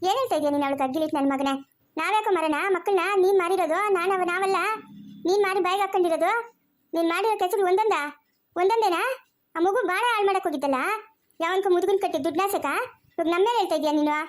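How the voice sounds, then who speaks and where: A woman's voice: extremely high pitch, fast talker. An actress playing a furious mother who curses and berates her husband. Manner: scolding, cursing. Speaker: actor in a family drama.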